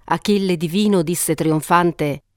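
A woman narrates an ancient epic in a steady, measured way. Her voice is smooth and resonant. The recording is dry and close. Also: fairly low pitch, no room sound.

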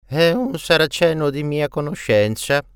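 A man's voice: fairly high pitch, lively intonation, unhurried, clean tone, no echo, clean studio sound, voice pushed up. A man doing a raised-voice scheming abbot. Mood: assured. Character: smooth-talking male abbot covering for a guest.

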